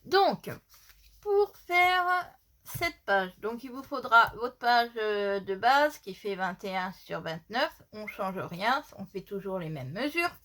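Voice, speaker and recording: A woman's voice: mid-range voice, lively intonation, slow pace, a bit bright. A woman with a slight lisp that makes her s sounds slushy, giving an informal step-by-step craft tutorial and repeating her instructions as she explains.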